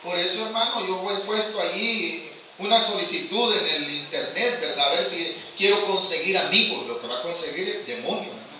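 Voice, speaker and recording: A high, bright male preacher teaching a Bible study, who keeps questioning his congregation and slows down to read scripture. He is recorded from a distance in a very echoey church hall with a faint hiss underneath. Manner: asks the congregation rhetorical questions, slows to read verses aloud. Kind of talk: sermon-style Bible study.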